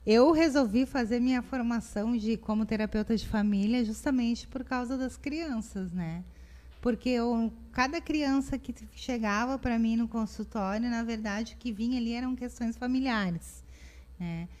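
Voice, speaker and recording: High-voiced woman therapist. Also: moderate pace. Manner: warm explanatory, acts out parent and child quotes. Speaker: family therapist guest. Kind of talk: casual talk-show advice.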